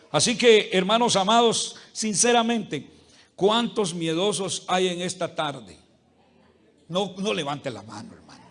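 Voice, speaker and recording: High-voiced pastor preaching folksy. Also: male voice, fairly bright tone. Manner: folksy, peppers speech with "¿verdad?" and "hermano"; humorous everyday anecdotes. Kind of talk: conversational sermon. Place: church service before a congregation.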